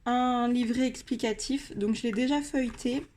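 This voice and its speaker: A French woman giving a casual review of colored pencils, pausing often with fillers and restarting her sentences. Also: a little high, steady tone, darkish tone, a little hiss or hum. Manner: hesitant, many fillers and restarts. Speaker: art supply reviewer.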